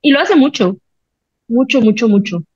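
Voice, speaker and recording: A woman gives an emotional personal testimony, retelling conversations in animated voices. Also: on the high side, normal speed, husky, no room sound, dull audio. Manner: emotional, animated storytelling with lively retold quotes. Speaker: podcast guest.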